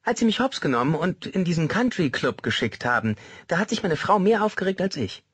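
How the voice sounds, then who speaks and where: A squeaky little convict, crude and chatty, griping in a high, thin voice with plenty of bounce, as a male narrator puts him on. An audiobook figure with a husky edge, recorded close and dry. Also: very animated, brisk, a bit bright, no room sound, exaggerated voice.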